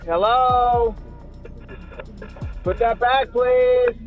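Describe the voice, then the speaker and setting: High, tinny man through doorbell speaker. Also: drawn-out words, soft background music. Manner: pleading, calling out repeatedly. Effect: heard through a doorbell camera speaker. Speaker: homeowner.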